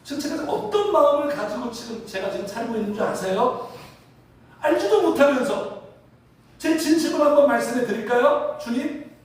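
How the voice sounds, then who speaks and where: Pastor doing a stung, protesting disciple, high pitched and swinging, big echoey hall from far off. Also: male voice, lively intonation, moderate pace. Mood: hurt, insistent. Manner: pleading, protesting. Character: indignant apostle protesting hurt pride.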